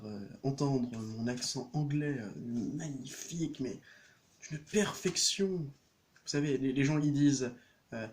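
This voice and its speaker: A man doing a card reading, hesitant with many fillers and restarts, giving gentle, reassuring spiritual advice. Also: mid-range voice, slight background noise. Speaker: tarot card reader. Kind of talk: casual card-reading video.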